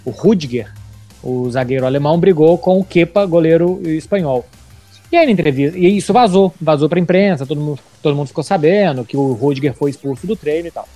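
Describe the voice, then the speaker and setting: A Brazilian man hosts informal football talk as a sports journalist. His voice is fairly high, and music plays faintly underneath. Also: fast talker, mellow. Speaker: sports podcast host and journalist.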